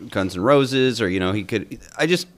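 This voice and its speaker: A man's voice: lowish voice, animated, normal speed. A young man co-hosting a podcast in casual, rambling, jokey chat, swearing now and then. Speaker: podcast co-host.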